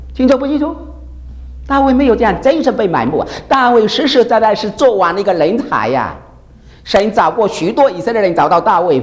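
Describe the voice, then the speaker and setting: Animated sermon preacher, lively swooping pitch, emphatic, constant rhetorical questions. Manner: keeps asking the congregation rhetorical questions.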